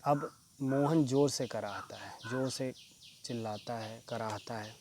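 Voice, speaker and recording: A man's voice: mid-range voice, darkish tone, slight background noise. A male teacher reading a textbook play aloud and stopping to explain the meanings of words. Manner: pauses to explain word meanings.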